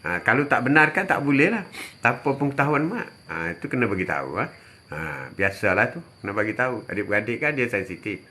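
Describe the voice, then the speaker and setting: An older man from Malaysia giving religious advice on a live stream, answering viewers in a chatty way, repeating phrases and often dropping a quick "ha". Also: medium pitch, very animated, bright, forceful tone, a little hiss or hum. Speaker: religious teacher.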